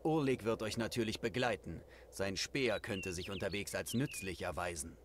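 A man voicing a dignified, grateful male refugee leader in a dubbed game, speaking in a solemn, measured way. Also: sits low, fairly bright tone, a little hiss or hum. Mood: gracious. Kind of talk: German game dub.

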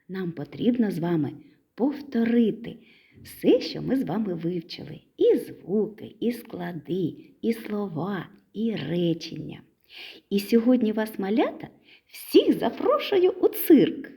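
A woman teaching preschoolers a literacy lesson, stretching out syllables in a sing-song, slow and clear way. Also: mid-range voice, dark tone.

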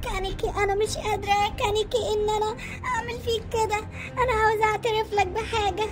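A woman's voice: very high voice, steady tone, very fast, music in the background. A woman voicing a young ghoul girl who is lovesick and tormented, speaking with an Egyptian accent in a Roblox story. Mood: anguished. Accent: Egyptian Arabic.

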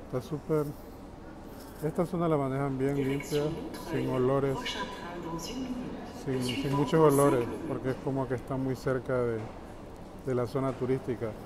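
A man casually narrating a handheld tour of an underground metro station, explaining each step to viewers in a relaxed way. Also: mid-range voice, a little slow, pauses often, noisy background. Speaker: travel vlogger. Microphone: handheld phone camera. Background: station ambience and passing trains.

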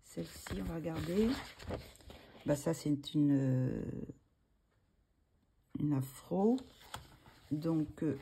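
Deep, creaky and mellow, this woman's voice goes slowly with frequent pauses, and a little hiss or hum is audible. She's giving a casual coloring tutorial while she draws, hesitant and full of fillers and restarts, murmuring asides with a slight frog in her throat.

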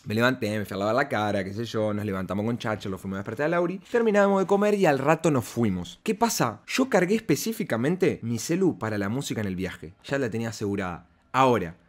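A man with a Rioplatense Argentine accent telling a casual storytime vlog. He is slangy and emphatic, with big swings between loud high bursts and quiet low asides. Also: animated, fast talker, hardly any pauses. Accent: Rioplatense Argentine Spanish. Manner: slangy and emphatic, often saying "amigo" and "¿se entiende?".

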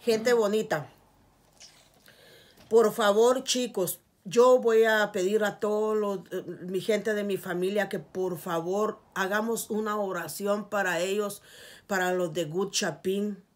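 A woman's voice: mid-range voice, fairly even intonation, slow. A middle-aged woman from Guatemala with a Guatemalan accent, earnestly pleading with her viewers in a casual vlog, recorded in a small room with the camera in front of her. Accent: Guatemalan Spanish. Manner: earnest, pleading, repeats "please, guys". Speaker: vlogger. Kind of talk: casual heartfelt appeal to viewers. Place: small indoor room with curtains.

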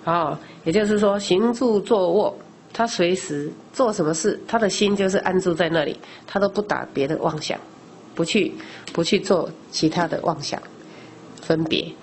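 In a conversational lecture, a woman lay teacher leads a Buddhist class, posing questions to the audience and then answering them herself, with plenty of discourse particles. Her pitch is fairly low, her tone darkish, and she speaks at normal speed over slight background noise.

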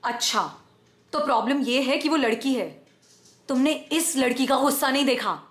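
A woman's voice: high voice, lively intonation, normal speed. A woman co-hosting an acting lesson, explaining in a playful, teasing way. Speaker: acting teacher, co-host. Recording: echoey room.

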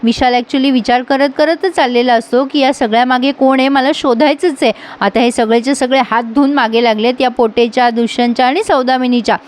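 A woman's voice: sits high, fairly even intonation, a little fast, few pauses. A woman retelling the plot of a TV serial episode in a chatty, casual way. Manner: chatty narration with frequent "now".

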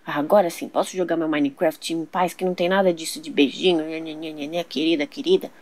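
A woman's voice: low voice, steady tone, fast talker, darkish tone, no room sound, voice pushed down, lightly acted. A woman voicing a grumpy teenage boy gamer in a toy doll soap opera, grumbling and mocking.

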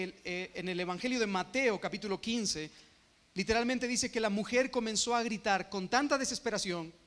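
A man preaching an expository sermon as a pastor, speaking directly to his congregation with rhetorical questions, moving between quiet asides and loud impassioned cries. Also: extremely high pitch, in a large hall. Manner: addresses listeners as brothers, asks rhetorical questions. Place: church.

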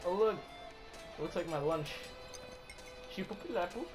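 A man's voice: mid-range voice, normal speed. A young man joking around goofily during co-op gameplay commentary. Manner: goofy, joking, giggly. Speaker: gamer. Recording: game music behind. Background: game music.

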